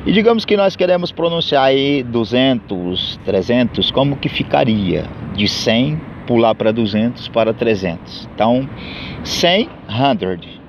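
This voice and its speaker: A man's voice: animated, a little slow. A man with a Brazilian Portuguese accent giving an informal English lesson, repeating each number in both languages with frequent fillers. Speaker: English teacher. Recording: dull low-fidelity audio with faint street noise.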